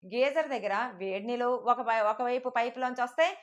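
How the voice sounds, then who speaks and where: A woman preaching a sermon with fervent, rapid delivery, acting out God's voice and the pleas of believers. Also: a little high.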